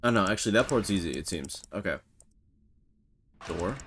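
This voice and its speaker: A man's voice: low voice, moderate pace, a little hiss or hum. A man giving casual, rambling let's-play commentary, self-mocking and prone to startled yelps. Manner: excitable, yelps and shouts when startled. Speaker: gaming YouTuber.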